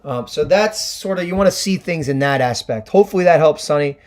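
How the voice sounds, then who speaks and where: A slightly high-voiced young man, a bit hoarse after a weekend of shouting, talks through stock charts for his livestream viewers. His delivery is chatty and loose, full of ums, uhs and restarts as he explains. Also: lively intonation, a little fast. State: hoarse from screaming at games. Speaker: livestream trading host. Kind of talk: casual Q&A livestream, answering chat.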